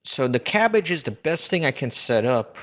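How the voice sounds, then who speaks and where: A man's voice: medium pitch, sing-song, normal speed, fairly bright tone. A man streaming a game, chatting casually and thinking aloud, his voice muffled as if talking into a cup through a cheap headset mic. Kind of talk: casual live commentary while playing.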